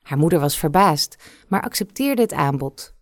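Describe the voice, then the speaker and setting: Lady reading a fairy tale slowly, lowish voice, dry close sound. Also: expressive, no echo. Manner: slow, measured storytelling.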